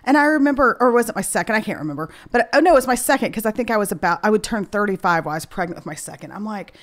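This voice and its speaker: A woman's voice: mid-range voice, animated, very fast. Woman late 40s hosting a podcast, has a cold, chatty and informal, jokes about herself. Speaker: podcast host. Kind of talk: casual interview chat.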